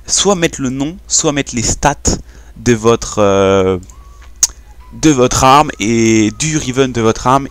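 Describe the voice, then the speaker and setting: A young man casually talking through a game tutorial, hesitating and restarting often. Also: mid-range voice. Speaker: gaming YouTuber.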